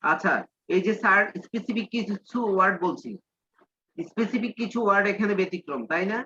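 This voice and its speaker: A male English teacher giving a class lesson, reading English lines slowly and explaining them in Bengali. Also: sits high, bright, forceful tone, lo-fi sound, slight background noise.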